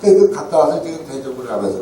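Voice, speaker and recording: A man's voice: a little high, fast talker, a little hiss or hum. A man in his seventies, a guest author animatedly telling stories at a book talk. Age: 70s. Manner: animated anecdotes, acts out quoted dialogue. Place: event hall. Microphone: room recording from the audience. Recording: echoey hall recorded from far off.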